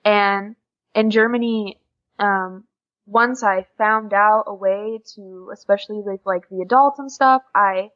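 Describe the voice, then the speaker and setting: Here an Oklahoma-born exchange student, a young adult woman, chats casually while being interviewed on a podcast. Her mid-range voice holds a steady tone at a slightly slow pace, captured in dull lo-fi audio.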